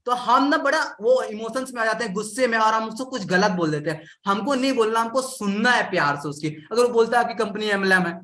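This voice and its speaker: A man leads a live sales training, acting out customer and seller lines as he talks straight to his audience. His voice sits high and sounds bright and sharp. The room around him is echoey. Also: brisk, few pauses. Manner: animated, acts out customer and seller lines, addresses audience directly.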